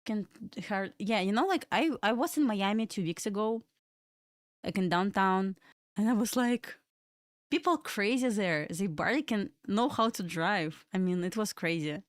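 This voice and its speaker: Hosting a trading livestream from her Florida home room, a young adult woman from Belarus speaks with a Russian accent in an expressive, mid-range voice at a moderate pace. She's loose and talkative, answering viewers between market remarks. The audio is studio quality, echo-free.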